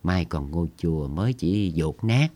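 A man voicing a brisk, chatty middle-aged village mother, speaking in a deep voice. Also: animated, dark tone.

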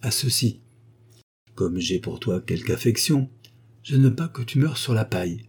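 A cynical male journalist, read by a man in an audiobook, jovial on the surface and scheming beneath. He talks in a brisk, mocking, commanding way, with a dark, slightly husky tone that sits a little higher than plain narration. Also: expressive. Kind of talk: audiobook character voice.

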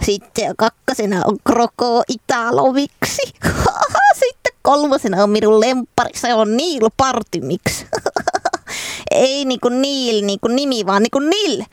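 A woman's voice: fairly high pitch, big pitch swings, few pauses, no echo. A woman radio host putting on the voice of a tiny silly female crocodile that giggles and rambles. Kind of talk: comedic radio banter.

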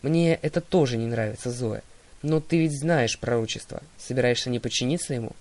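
A man's voice: mid-range voice, brisk, darkish tone, close to an everyday voice. A man voicing a blunt, grumbling teenage girl demigod.

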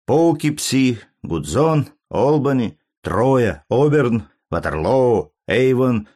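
A man reading a travel story aloud as narrator, in a measured, lightly dramatic way. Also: mid-range voice, very animated, a little mellow. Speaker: audiobook reader. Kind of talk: scripted narration.

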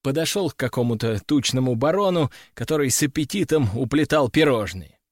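Male audiobook narrator, mid-pitched, even storytelling delivery, dry studio mic. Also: a little fast, no room sound. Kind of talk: first-person audiobook narration.

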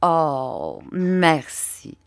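A woman voicing a fawning, falsely humble young male clerk in an audiobook, speaking slowly and unctuously. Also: low-pitched, big pitch swings, vocal fry, full character voice. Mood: oily. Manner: unctuous, slow, ingratiating. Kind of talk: audiobook character reading.

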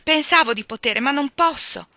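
A woman's voice: sits high, animated, moderate pace, pushed and bright, no room sound, voice pushed up, exaggerated voice. A woman doing a desperate young heroine. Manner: pleading, emotional. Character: young woman, desperate and tearful, refusing a proposal.

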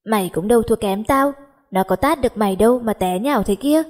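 A woman's voice: a little high, brisk, darkish tone, lightly acted. A woman voicing a playful, lazy teenage schoolgirl joking with her best friend.

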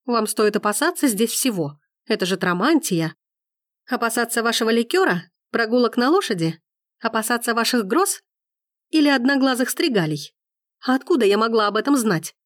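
A woman's voice: mid-range voice, expressive, brisk, dry recording, studio quality, natural voice. A woman reading an audiobook, voicing an enraged young woman who hurls angry accusations. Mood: furious. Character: furious young woman in period romance.

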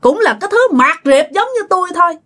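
A woman's voice: expressive, fast, fairly bright tone. A woman playing a furious vengeful ghost wife. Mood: bitter. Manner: shrill, screaming accusations.

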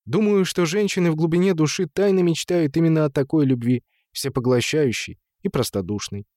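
A man narrating a literary story in a measured, opinionated first-person telling. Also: on the high side, darkish tone, dry recording, clean studio sound.

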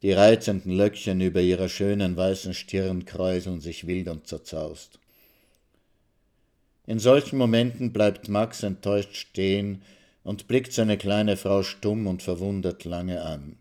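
A low-voiced man reads a literary short story in a calm, measured manner. He narrates steadily and unhurriedly, with his voice sitting slightly low for a man. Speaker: reader of a short story on radio. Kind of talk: literary reading.

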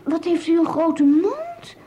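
A woman's voice: extremely high pitch, very animated, slow pace, mellow, slight background noise, full character voice. A woman playing an innocent, polite little girl in a fairy tale radio play, naive and sing-song. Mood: wondering.

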